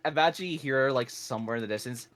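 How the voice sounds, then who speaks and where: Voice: medium pitch, fast talker, fairly bright tone. A friend on a game stream giving advice and cracking jokes in casual chat. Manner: joking, gives game advice.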